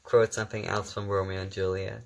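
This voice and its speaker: A young German man, a native German speaker whose English accent is mixed rather than German-sounding, chats casually on a phone live stream while answering viewer comments. His lowish voice is flat, a little fast, and has vocal fry, with many soft giggles and hesitant fillers.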